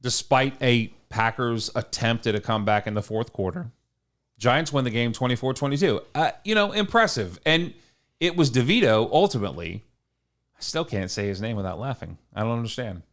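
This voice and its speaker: Podcast co-host, male, mid-pitched, talkative and rambling, teasing banter. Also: expressive, normal speed, a bit bright. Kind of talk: casual sports chat.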